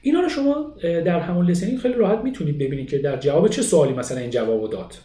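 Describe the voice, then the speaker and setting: Man, language teacher, lively emphasis, mellow voice, roomy echo. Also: fairly high pitch. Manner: explains with lively rising emphasis. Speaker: English teacher. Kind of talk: lesson on language learning.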